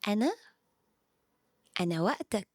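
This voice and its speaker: A woman with an Egyptian Arabic accent voicing Time itself as a calm, wise figure that gently scolds a child. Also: medium pitch, a little slow, dry recording, clean studio sound.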